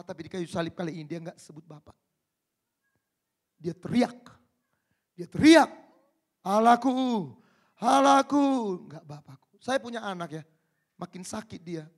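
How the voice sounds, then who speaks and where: A male pastor delivers a sermon with a fairly high voice. He talks straight to the congregation, dropping to near-whispers before rising to loud, shouted peaks. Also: slightly rough. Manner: swings from quiet asides to shouted climaxes; addresses the congregation directly. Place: church service.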